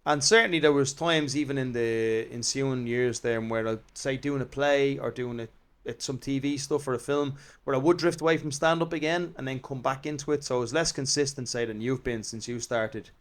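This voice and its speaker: A man's voice: mid-range voice, fairly even intonation, normal speed, hardly any pauses. An Irish man, an actor and comedian, chatting as a guest in a rambling, self-deprecating way. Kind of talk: casual interview chat.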